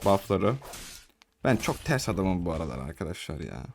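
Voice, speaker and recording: A man's voice: low voice, big pitch swings, moderate pace, gravelly, slight background noise. A young man giving casual, slangy live commentary on his own match, chatting to viewers and teammates. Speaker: gaming streamer.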